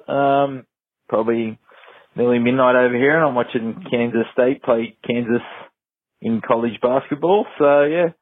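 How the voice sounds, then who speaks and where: A man's voice: mid-range voice, dry recording. A tipsy man with an Australian accent leaving a rambling, laid-back voicemail over a landline phone. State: tipsy after many beers. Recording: tinny phone-line voicemail.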